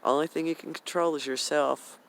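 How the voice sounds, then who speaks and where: An older American man in his sixties or beyond, talking bluntly and emphatically in a rambling personal vlog, with drawn-out pauses. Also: on the high side, fairly even intonation, gravelly, fairly bright tone. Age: 60s or older. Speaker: vlogger. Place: outdoors in a garden swing in the wind. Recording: windy outdoor noise. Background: wind and outdoor ambience.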